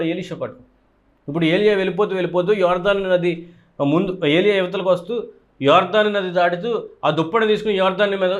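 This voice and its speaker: A man with a Telugu accent preaching a sermon, asking rhetorical questions and repeating phrases for emphasis. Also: on the high side.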